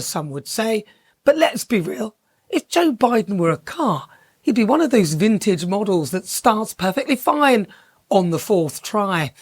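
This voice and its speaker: A woman's voice: mid-range voice, husky, no room sound. Woman, TV presenter, sarcastic satirical monologue, dry close sound. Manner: sarcastic, mocking, punchy delivery.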